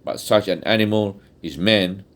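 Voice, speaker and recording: A man reading a religious book aloud in a measured, earnest way, now and then restarting a phrase. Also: fairly low pitch, fairly bright tone. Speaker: audiobook reader.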